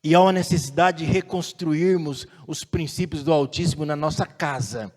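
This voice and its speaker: A man preaching a sermon as pastor, measured and deliberate, slowing down and swelling in force on key phrases. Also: on the high side, big-room sound.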